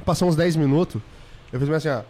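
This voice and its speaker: A man's voice: a little high, fast, heavy background noise. A young man, a podcast guest, telling a funny story in casual chat, acting out voices and laughing as he goes. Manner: animated, acts out voices and shouts in his stories; laughs often while telling.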